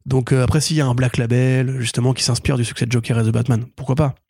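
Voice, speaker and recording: An opinionated man co-hosts a casual film podcast, talking rapidly and laughing often. His voice is of ordinary pitch and sounds close and dry, with no room echo. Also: little pitch movement, vocal fry, warm tone. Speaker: podcast co-host. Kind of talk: casual podcast chat about films.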